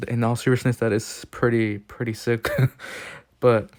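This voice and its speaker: A man's voice: mid-range voice, level tone, unhurried, no room sound, clean studio sound. A man hosting a reaction video, chatting casually and laughing often between comments. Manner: chuckles often, loose and joking. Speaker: host of a railfan video reaction channel.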